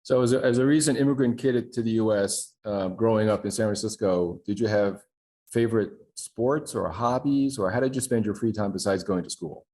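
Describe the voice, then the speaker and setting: A man's voice: on the low side, a little fast, warm tone. A man hosting an interview, asking friendly questions with light jokes. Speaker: interview host. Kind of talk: casual interview conversation.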